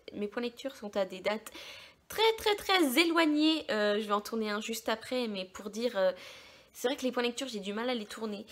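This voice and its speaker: A young woman chatting casually as a book vlogger, talking through her purchases with many fillers and the odd soft murmured aside. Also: on the high side. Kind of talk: casual book haul chat.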